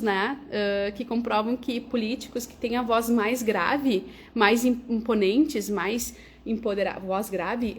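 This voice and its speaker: A woman teaches public speaking in a lively, conversational livestream, tagging her sentences with "né" and "tá". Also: fairly high pitch.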